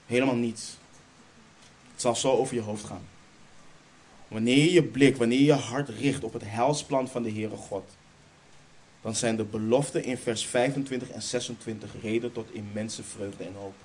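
A man's voice: medium pitch, fairly even intonation, moderate pace, darkish tone, a little hiss or hum. A man preaching a sermon in Dutch churches' style, stressing key lines emphatically, then leading a prayer.

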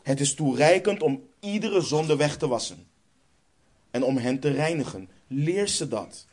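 A man's voice: a little high, animated, measured pace, a little mellow. Emphatic Dutch preacher man. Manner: emphatic, repeats phrases for stress. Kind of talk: sermon.

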